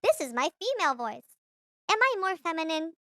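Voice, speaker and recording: A squeaky baby. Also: female voice, sing-song, a little fast, sharp tone, dry recording, studio quality, heavily acted. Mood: playful. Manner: playful, teasing. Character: squeaky baby and high female voice. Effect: pitch-raising voice changer.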